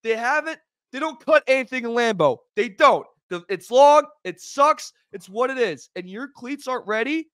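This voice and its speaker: A man co-hosting a sports podcast, ranting angrily and sarcastically, going from quiet grumbling to loud outbursts. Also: very high voice, animated, moderate pace, clean tone, dry recording, studio quality. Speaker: podcast co-host. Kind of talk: heated sports podcast rant.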